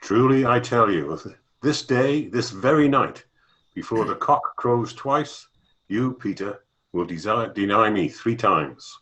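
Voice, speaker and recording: A man's voice: lowish voice, animated, slow pace, a bit bright, low-quality recording. Man reading as emphatic, solemn Jesus. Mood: solemn, certain. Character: Jesus, grave and resolute teacher facing arrest. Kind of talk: dramatic scripture reading.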